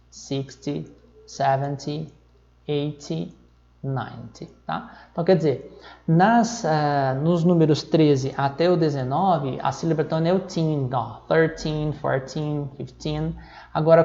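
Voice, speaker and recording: A Brazilian man teaching English numbers in a recorded lesson, explaining step by step and reading the numbers out slowly, often checking in with a quick "tá?". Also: fairly high pitch, gravelly, dark tone, dull audio. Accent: Brazilian Portuguese. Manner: checks in with frequent "tá?".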